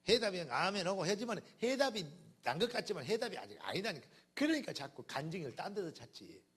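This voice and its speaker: Preaching in Jeolla dialect, this man swings from forceful, loud declarations to soft, chatty asides as pastor. He speaks quickly in a high, sing-song, breathy voice.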